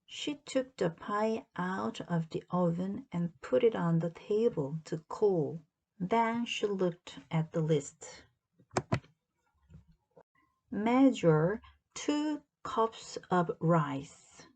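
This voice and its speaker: A woman reading a children's story aloud as narrator, in a deliberate, expressive storytelling manner. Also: fairly low pitch, creaky, low-quality recording. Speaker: storybook reader.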